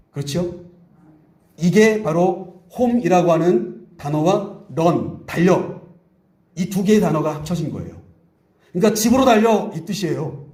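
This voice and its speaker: A man preaching a Sunday sermon as pastor, telling stories with animated, acted-out voices. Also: fairly high pitch. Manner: animated storytelling, acts out quoted voices. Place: church sanctuary. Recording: echoey church hall.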